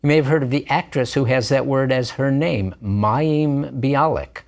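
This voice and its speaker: A man's voice: medium pitch, a little slow, creaky. A man teaching a language lesson, explaining letters patiently and step by step. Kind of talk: recorded lesson narration.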